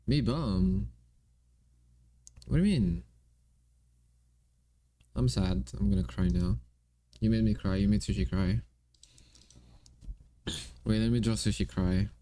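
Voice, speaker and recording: A man's voice: lowish voice, mellow, no room sound. A young man streaming, chatting casually and playfully to himself and his viewers while gaming and drawing. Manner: playful, rambling, talks to himself and chat.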